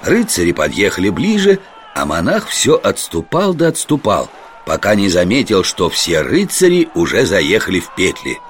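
A man narrating a children's storybook in an expressive, lively storytelling voice. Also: low-pitched, normal speed, a little hiss or hum.

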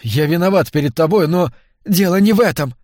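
A man's voice: fairly high pitch, expressive, a little fast, a little mellow, dry recording, clean studio sound, pitched above the performer's own voice. A man playing an anxious, middle-aged professor who earnestly pleads with his wife. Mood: pleading.

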